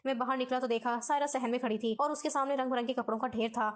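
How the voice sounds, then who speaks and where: A woman reading a scripted first-person family drama story at a steady, even pace. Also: high-pitched.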